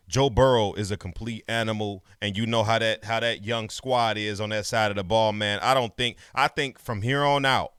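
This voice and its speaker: A man's voice: mid-range voice, fairly bright tone, clear, resonant tone, dry recording, clean studio sound. A man co-hosting a sports podcast in casual chat, rattling off lists of players and making emphatic points. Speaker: podcast co-host.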